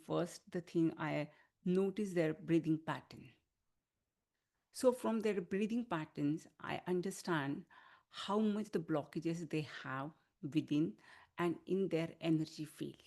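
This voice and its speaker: A woman leading an online wellness class as a healing teacher, giving soothing, unhurried instruction. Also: lowish voice, creaky, dark tone. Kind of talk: online wellness class talk with guided relaxation.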